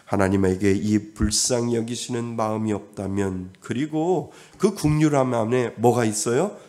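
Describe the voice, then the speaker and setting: A man's voice: medium pitch, normal speed, dark tone. A male pastor preaching a sermon, asking the congregation questions and acting out God's words in quoted dialogue.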